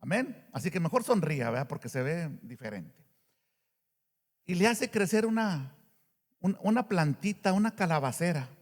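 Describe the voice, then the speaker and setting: A male pastor preaching a sermon, animated and asking the congregation rhetorical questions. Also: a little high, moderate pace, long reverb tail.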